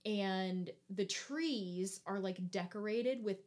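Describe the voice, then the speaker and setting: A podcast co-host with a medium-pitched, slightly mellow voice talks slowly as she casually reviews a movie. She's chatty, fills her speech with "like," and acts out the characters' lines.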